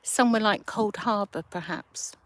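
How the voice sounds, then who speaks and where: Outdoors by a river, this livestream host talks with her viewers through a handheld phone in a slow, chatty way, musing aloud. Her medium-pitched voice sounds a bit bright, with no echo.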